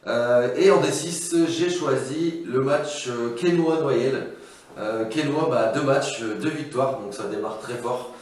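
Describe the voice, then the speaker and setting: A man hosting an amateur football show, reading results in a casual, halting way with many fillers. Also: medium pitch, a little mellow, very echoey, recorded from a distance. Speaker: podcast host.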